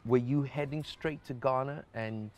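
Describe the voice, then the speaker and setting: A man's voice: mid-range voice, moderate pace, a little mellow. A man interviewing a priest, listening closely and asking short questions. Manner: attentive, brief encouraging responses.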